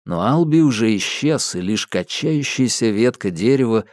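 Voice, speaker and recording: A man narrates a novel in a measured, dramatic storytelling voice of middle pitch. He builds tension steadily. The recording is close and completely dry. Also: animated, a little mellow, dry recording. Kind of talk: audiobook narration.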